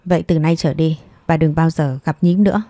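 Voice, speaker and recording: Give me a composed young mother in an audiobook story, read by a woman. She speaks calmly and firmly, weighing each word. Her voice is low and mellow, and the recording is dry. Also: no room sound, natural voice. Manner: calm, measured, clipped.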